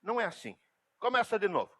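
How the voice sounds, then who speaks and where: Brief: man playing a firm older pastor, curt and hushed, bright tone. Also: high-pitched, sing-song, quick pace, husky, voice pushed up, exaggerated voice. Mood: stern. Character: stern older male pastor correcting a student.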